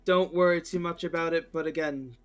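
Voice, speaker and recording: A man's voice: fairly high pitch, fairly even intonation, fairly quick, clear, resonant tone, faint music behind, natural voice. A man playing a smug, evasive wandering cook who talks in a breezy, smirking way. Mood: wry.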